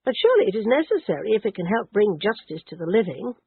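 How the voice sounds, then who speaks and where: A woman narrating a brisk, insistent lady detective. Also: medium pitch, big pitch swings, husky, no room sound, voice pushed up, exaggerated voice. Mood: firm. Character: brisk, self-assured middle-aged woman detective. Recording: dry, narrowband phone-like audio.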